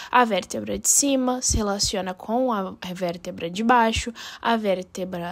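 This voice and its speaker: High-voiced Brazilian woman teaching, mixing in Spanish terms. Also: darkish tone. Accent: Brazilian Portuguese. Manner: mixes Spanish terms into Portuguese speech; didactic, repeats and recaps step by step. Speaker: anatomy teacher. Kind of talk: informal narrated anatomy lesson.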